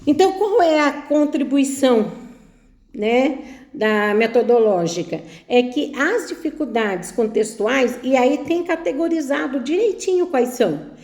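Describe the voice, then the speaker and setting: A fairly high-voiced woman gives a spelling lesson. She explains step by step, asks questions and keeps checking that her listeners follow. Her voice rings in an echoey room. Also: lively intonation, a little slow, darkish tone. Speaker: teacher.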